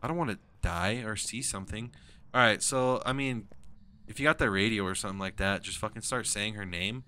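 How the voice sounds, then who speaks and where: A man's voice: on the low side, a little fast, sharp tone, clean tone. A young man hosting a gaming stream, jumpy and swearing, with frequent nervous laughter. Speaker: gaming channel host. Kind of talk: casual gameplay chat.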